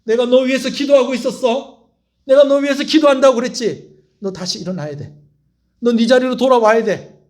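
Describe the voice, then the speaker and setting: A man's voice: very high-pitched, normal speed, pitched above the performer's own voice. A man acting out Jesus during a sermon, speaking tenderly and intimately to a troubled disciple. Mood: comforting. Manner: tender, intimate, speaking softly to one person. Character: Jesus, a gentle grown man comforting his disciple. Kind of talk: sermon with acted retelling.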